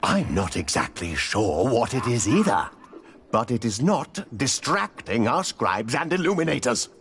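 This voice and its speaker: A man's voice: mid-range voice, sing-song, measured pace, fairly bright tone, a little hiss or hum. An actor playing a stern, haughty male prior who lectures his monks condescendingly, in video game voice acting. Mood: lecturing.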